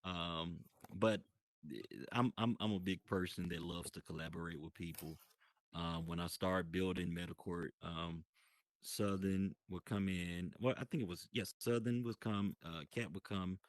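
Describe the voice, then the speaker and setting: A man's voice: deep voice, fairly even intonation, measured pace, dry recording. A man casually telling a long story in a voice chat, full of restarts and fillers. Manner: rambling, many restarts and fillers. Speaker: guest describing his virtual world.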